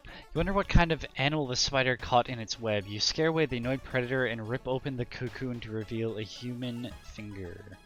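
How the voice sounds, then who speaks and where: A man's voice: medium pitch, brisk, faint music behind. Casual man streaming and reading game text. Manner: relaxed, profane, thinking aloud.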